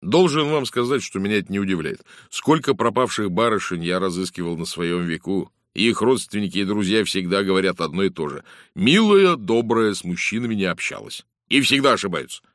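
A brisk, blunt police inspector, as a male reader puts him on, talking in a matter-of-fact rush. The voice is low and deep. The audiobook reading is close and dry. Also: expressive, fairly bright tone, no echo. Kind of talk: audiobook character voice.

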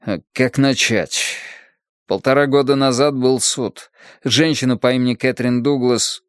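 A man's voice: mid-range voice, smooth, no echo, studio quality, lightly acted. Grave brooding brother, read by a man. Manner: slow, grave. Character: enraged brother, determined and brooding. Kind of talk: audiobook character voice.

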